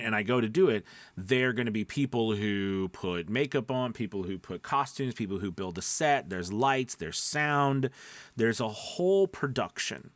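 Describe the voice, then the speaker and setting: Speaking informally to camera as a voice-over coach, a man with a lowish, slightly bright voice explains things step by step. He repeats points and checks in with listeners, and there's no echo.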